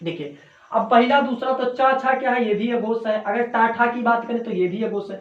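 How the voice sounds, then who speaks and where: A man's voice: extremely high pitch, moderate pace. A male Hindi teacher giving an online class lecture, drilling students with repeated questions and answers. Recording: echoey, dull lo-fi room sound.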